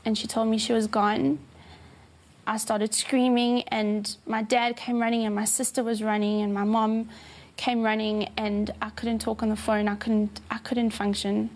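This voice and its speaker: Woman in an interview, higher voice but flat, gravelly fry, halting with lots of repeats. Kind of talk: emotional interview recollection.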